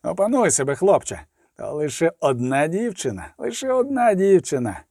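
A man's voice: fairly high pitch, big pitch swings, normal speed, a little mellow, dry recording, clean studio sound. A man voicing a harsh, barking mercenary chief. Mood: commanding. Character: hard-bitten male mercenary commander, brutal.

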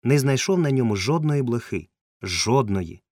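A man's voice: medium pitch, expressive, a little fast, a little mellow, no room sound, pitched above the performer's own voice, natural voice. A man voicing a fussy, eccentric male entomologist, pedantic and easily indignant, in a dry, close recording.

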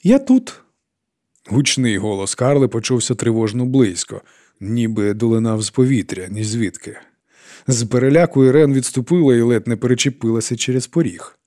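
A man reading an audiobook as its narrator, telling the story in a calm, even way. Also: medium pitch, brisk. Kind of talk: scripted narration.

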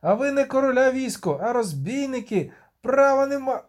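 A man voicing a big, defiant male peasant shouting in indignation. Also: very high-pitched, expressive, moderate pace, voice pushed up. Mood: outraged.

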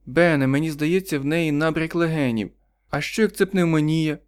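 A man's voice: a little high, normal speed, clear, resonant tone, pitched above the performer's own voice, lightly acted. A man reading an audiobook, voicing a worried young wife and mother, wary and anxious.

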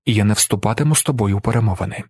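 A grave male ruler, as a reader voices him, holding his voice calm and restrained under pressure. The tone is husky and dry, close to the mic. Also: on the low side, racing, no room sound.

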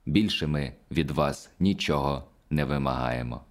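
Man reading as a mocking composer spirit, very deep. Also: unhurried, creaky, exaggerated voice. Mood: ironic scolding. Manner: scolding, ironic lecturing. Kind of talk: audiobook dialogue reading.

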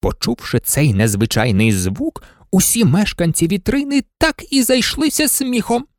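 A man reading a children's story aloud with lively, expressive narration. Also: high-pitched, moderate pace, no echo, studio quality.

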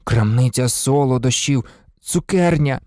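An audiobook reader voicing an excitable, blunt teenage boy who blurts out his ideas eagerly. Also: mid-range voice, measured pace, dry recording, clean studio sound, lightly acted. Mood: dreamy. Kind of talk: audiobook character reading.

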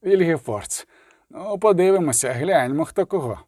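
A man's voice: fairly high pitch, expressive, moderate pace, no room sound, clean studio sound, voice pushed up. A man reading aloud voices a stern, authoritative male commander who speaks firmly and decisively. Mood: commanding. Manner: firm, loud and decisive.

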